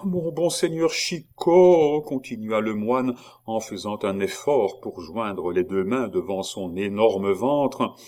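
Homme lisant un roman classique. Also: male voice, fairly low pitch, takes it slowly, a little mellow. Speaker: audiobook narrator. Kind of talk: classic novel reading.

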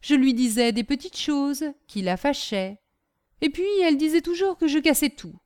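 A woman's voice: sits high, expressive, moderate pace, darkish tone, pitched above the performer's own voice. A woman doing a blunt, simple young manservant. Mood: plaintive. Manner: eager, indignant chatter. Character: simple-minded, blunt young male servant.

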